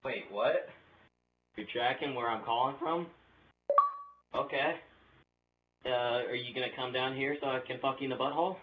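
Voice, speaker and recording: A young man, a video creator, makes a casual prank phone call, rambling crudely and hesitantly. His mid-range voice is fairly bright, moving at a normal speed with frequent pauses. The recording sounds roomy, with a distant mic and background noise.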